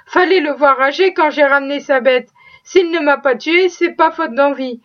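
A woman voicing a sly, boastful male stable hand who exclaims loudly and plays innocent, in a storybook reading. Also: sits high, moderate pace, lightly acted. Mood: gleeful. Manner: exclaiming, mock-innocent, excitable. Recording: dull lo-fi recording.

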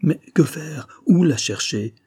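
A man's voice: medium pitch, lively intonation, normal speed, warm tone, husky. A man reading a determined young man who asks urgent, impatient questions in an audiobook. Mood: desperate.

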